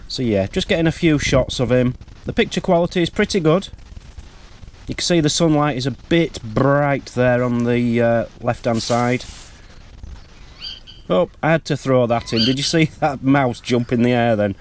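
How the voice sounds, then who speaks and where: Casual male wildlife vlogger, mid-pitched, chatty and eager, recorded outdoors in woodland. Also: moderate pace, slight background noise. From United Kingdom. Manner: chatty, easily excited. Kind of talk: casual outdoor vlog narration.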